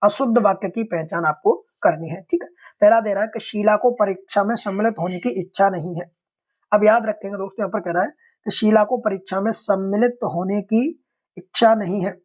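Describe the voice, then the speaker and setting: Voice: mid-range voice, a little fast. A teacher giving an online exam-prep lesson, explaining each answer step by step, often repeating a word to check understanding and addressing viewers as friends.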